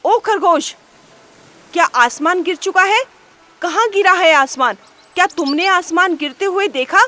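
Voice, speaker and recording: A woman voicing a stern male lion king in a children's story, loudly questioning the other animals. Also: very high voice, measured pace, slight background noise, pitched above the performer's own voice. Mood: commanding. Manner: commanding, loud questioning. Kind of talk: storybook character voice.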